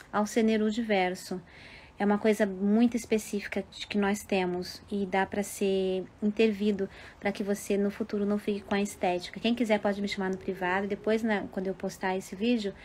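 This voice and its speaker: A woman giving advice to parents in an unhurried, explanatory monologue, often adding little tag questions. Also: mid-range voice, a little hiss or hum.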